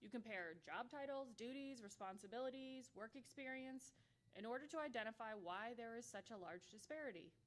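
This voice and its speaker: A woman's voice: a little high, fairly quick. A woman giving a conference workshop talk, candid and humorous with playful asides. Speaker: workshop presenter.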